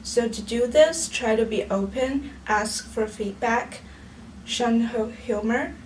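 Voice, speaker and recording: A woman with a Chinese accent presents in a measured, steady way, her voice slightly high. She sits a little away from the mic, with a faint hiss of background noise. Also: far from the mic, low-quality recording. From southern China. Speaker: student presenter.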